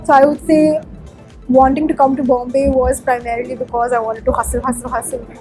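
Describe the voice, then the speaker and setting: This Nepali-speaking musician from Sikkim, India, has a high, mellow voice with little pitch movement and a fairly quick pace. She responds to interview questions candidly and chattily, using lots of fillers, as soft music plays in the background.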